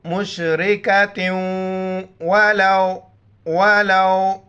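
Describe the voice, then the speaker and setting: A man teaching Quran reading, with slow drawn-out recitation and quick spoken explanations in between. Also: high voice, level tone, bright, forceful tone, clear, resonant tone, faint music behind. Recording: slightly dull lo-fi audio.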